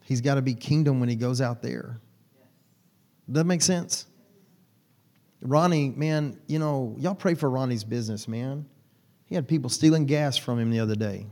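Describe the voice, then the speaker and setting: A man's voice: mid-range voice, normal speed, long pauses, warm tone. A man preaching a conversational sermon in church, chatting with and teasing his congregation. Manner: folksy, teasing the congregation by name. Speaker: pastor.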